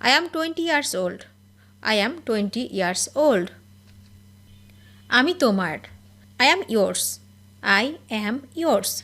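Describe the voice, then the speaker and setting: A woman teaching spoken English, reading each phrase and then repeating the English slowly and clearly. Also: a little high, lively intonation, fairly bright tone. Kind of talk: slow phrase-by-phrase language drill.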